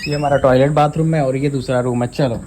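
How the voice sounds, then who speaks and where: A man's voice: medium pitch, fairly even intonation, fast talker, background noise. A young man hosting a casual home-tour vlog, chatty and teasing, talking to his viewers. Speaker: vlogger. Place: small home indoors.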